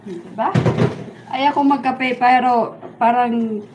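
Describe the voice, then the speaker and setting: A woman's voice: a little high, takes it slowly, a little mellow, slight background noise, rough recording. A woman hosting a casual live stream from her kitchen, joking and laughing as she switches between Tagalog and English. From Bicol region, Philippines. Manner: playful, mixes Tagalog and English, laughs often. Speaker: vlog host. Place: home kitchen.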